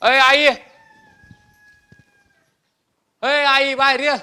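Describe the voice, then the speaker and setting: A man's voice: very high voice, fast, pushed and bright. A man as a whiny, bossy young husband. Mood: petulant. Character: petulant young husband demanding divorce. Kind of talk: comedy sketch acting.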